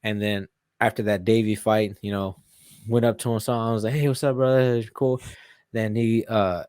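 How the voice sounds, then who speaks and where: A man's voice: on the low side, fairly even intonation, normal speed, darkish tone, clear, resonant tone, no room sound, studio quality. A man guest in a casual interview, telling stories in a rambling way with lots of fillers and swearing. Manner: rambling, profane storytelling with many fillers. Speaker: guest fighter.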